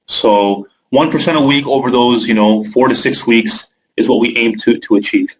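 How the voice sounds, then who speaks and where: Over poor audio, a young man with a Canadian accent, from Canada, talks at a medium pitch and moderate pace. He's hosting a live trading webinar, naming viewers as he reads their questions and answering loosely with filler words.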